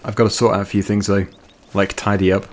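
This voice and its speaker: A man chats his way through a video game, rambling and laughing easily. His voice sits fairly low. The commentary is relaxed and unscripted. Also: fast. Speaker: let's play gamer. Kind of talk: casual gameplay commentary.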